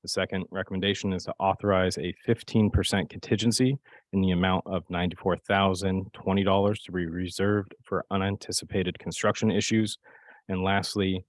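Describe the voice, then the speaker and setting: A man presenting as a project manager to a public board, hoarse and raspy from a cold, speaking in a steady, measured way. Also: sits low, no room sound. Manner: steady, measured delivery with occasional fillers. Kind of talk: formal staff presentation.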